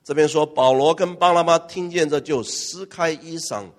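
A male pastor preaching a lively, humorous sermon and firing questions at his congregation. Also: a little high, normal speed. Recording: long church-hall reverb.

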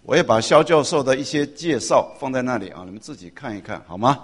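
A man wraps up a church gathering with announcements in an easygoing, chatty manner. His voice sits at a middle pitch. He then leads a simple prayer before the meal. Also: animated, fast talker, slightly rough. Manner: casual, friendly announcing with many soft particles.

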